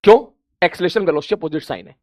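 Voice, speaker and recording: A man with a strikingly high voice teaches a physics class in a dry, close-sounding space. He talks to the class like family, calls them brother and child, and plays both sides of the question and answer. He counts things out slowly aloud to make a point. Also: expressive, fairly bright tone, no echo. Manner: chatty, quizzes himself in students' voices and answers. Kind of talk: coaching class lecture.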